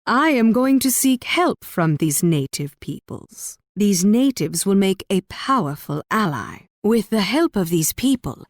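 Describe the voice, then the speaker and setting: A woman's voice: medium pitch, big pitch swings, no echo. Proud spanish warrior queen for a strategy game, imperious but coaxing, teasing, dry close sound. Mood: proud, resolute. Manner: regal, teasing, theatrically measured delivery. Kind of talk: video game voice acting.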